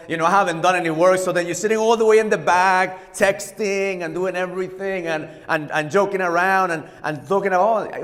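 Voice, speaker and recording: Speaking in a hotel conference hall with a big-room sound, a middle-aged man from Ecuador gives a motivational sales keynote that is blunt and profane. He is a native Spanish speaker who blends Spanish with English, and his voice is high-pitched and fairly bright.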